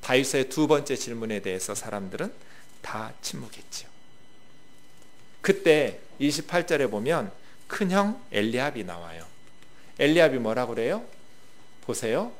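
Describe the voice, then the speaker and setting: A male pastor preaching a sermon, asking the congregation questions and swinging from loud bursts to quiet asides. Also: medium pitch, very animated, moderate pace, pauses often.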